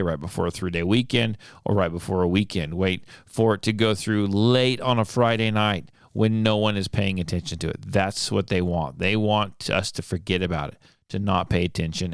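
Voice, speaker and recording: Rambling middle-aged man, slightly hoarse. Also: lowish voice, no room sound, clean studio sound. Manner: rambling, repeats words, many restarts. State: losing his voice. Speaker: podcast host. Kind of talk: casual solo podcast talk.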